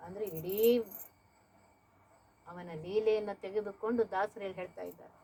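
A woman's voice: medium pitch, fairly even intonation, normal speed, dark tone, highs cut off. A woman singing devotional verses and explaining them in plain everyday speech as a teacher.

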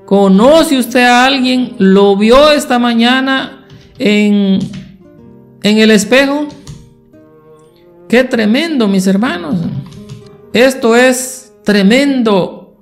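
A man. He keeps putting rhetorical questions to his listeners, with soft music behind him. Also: very high voice. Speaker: preacher. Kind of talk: Sunday school sermon.

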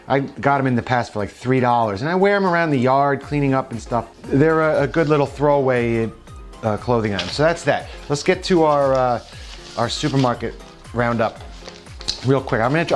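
A man with a New Jersey accent gives casual, opinionated commentary on store flyers, chatty with frequent restarts. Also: mid-range voice. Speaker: vlog host.

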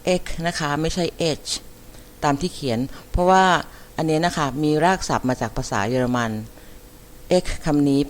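A woman teaching an English vocabulary lesson, repeating each word and spelling it out letter by letter with careful, deliberate enunciation. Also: low-pitched, slight background noise. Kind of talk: slow vocabulary lesson, spelling words aloud.

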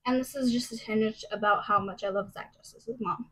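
Her voice mid-range, steady, brisk and fairly bright, a young adult college student rambles through gossipy tangents in a casual chat to camera. She starts in her home kitchen with a phone camera propped at arm's length and later switches to a handheld mic in a bedroom; the recording is rough.

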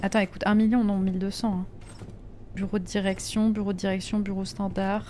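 A woman's voice: mid-range voice, level tone, a little fast, a little mellow, a little hiss or hum. A woman chatting during a live gameplay stream, reacting to viewers' messages and sometimes slipping into English with a French accent.

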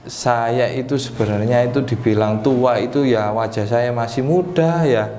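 A man, a PE teacher chatting as a guest in a relaxed, joking way. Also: medium pitch. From East Java, Indonesia. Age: 30s. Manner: relaxed and joking, with pauses to recall. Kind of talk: casual interview chat. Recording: roomy echo, faint ambient noise.

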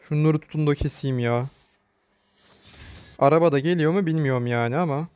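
High-voiced excitable male gamer. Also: normal speed, clear, resonant tone. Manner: excitable, shouts and pleads when chased. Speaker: gamer streamer. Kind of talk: live gameplay commentary.

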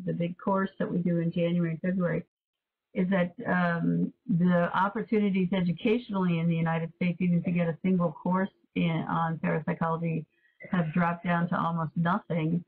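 Woman host, flat even delivery, halting, repeats words, tinny phone-like call audio. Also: on the low side, gravelly. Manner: halting, repeats words while searching for them. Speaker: host for a foundation. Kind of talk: casual webinar conversation. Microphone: video call.

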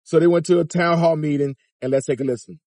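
A man in his fifties from Miami, Florida, vlogs from inside a car, speaking directly to viewers in an animated, chatty commentary. He's a fast talker with a voice on the high side; the recording is dry and studio quality, taken from a phone or dash camera at arm's length.

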